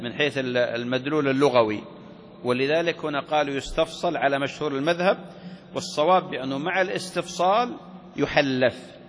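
A man's voice: medium pitch, fairly bright tone. A man teaching Islamic jurisprudence, asking his class questions and answering them himself. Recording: reverberant hall with faint ambient noise.

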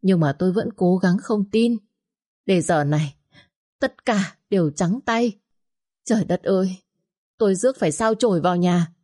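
A woman voicing a furious, harsh older mother-in-law who shouts and scolds. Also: lowish voice, moderate pace, long pauses, lightly acted. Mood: furious scolding.

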